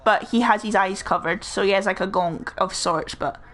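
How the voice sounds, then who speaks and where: A young Scottish woman chatting on a gaming stream. She talks casually and teases in a deadpan way, at a middling pitch. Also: moderate pace. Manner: teasing, deadpan. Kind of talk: casual chat while gaming.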